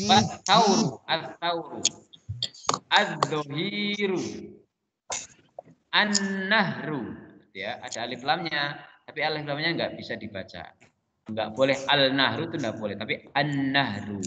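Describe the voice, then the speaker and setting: A man teaching a Quran and Arabic class online, patiently explaining step by step and drawing out the examples slowly. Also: medium pitch. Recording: dull lo-fi sound with long reverb and faint noise.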